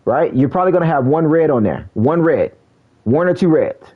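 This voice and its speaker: A man's voice: lively intonation, brisk, husky, narrow, tinny audio. A man streaming a game, chatting casually and calling out enemies, heard through a poor-quality stream mic. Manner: slangy, calls out enemies, says "bro" a lot. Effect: low quality stream audio, bad mic. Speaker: gaming streamer. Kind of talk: casual live gameplay commentary.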